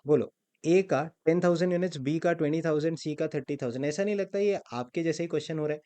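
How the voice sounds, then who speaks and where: A man's voice: a little high, fast talker, dark tone. A man teaching an accounting class, quizzing students and prompting them to answer aloud, mixing English terms into his speech. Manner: mixes English terms into Hindi. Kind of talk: classroom lecture with call-and-response.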